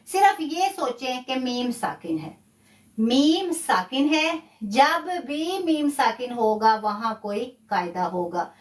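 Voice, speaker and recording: A woman's voice: high voice, roomy sound, recorded from a distance. A woman with a Pakistani Urdu accent, patiently teaching a live online Quran recitation lesson, repeating key points and praising her students' answers.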